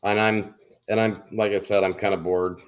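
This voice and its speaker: A man's voice: on the low side, flat delivery, normal speed, smooth, lo-fi sound. A man hosting a livestream and chatting casually. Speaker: livestream host. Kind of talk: casual chat.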